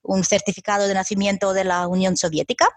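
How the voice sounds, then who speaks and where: A woman's voice: mid-range voice, flat delivery, quick pace, no echo. A woman in her thirties from Latvia, speaking Spanish with a Latvian accent as a podcast co-host, chatting casually, laughing often and restarting words as she searches for them. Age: 30s.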